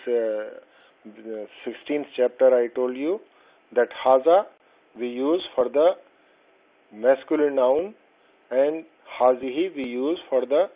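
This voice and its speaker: A patient male language teacher, not a native Arabic speaker, explains a textbook lesson in a voice-over over slides. He talks slowly with many fillers and restarts, at a medium pitch. The voice-over sounds dull and lo-fi.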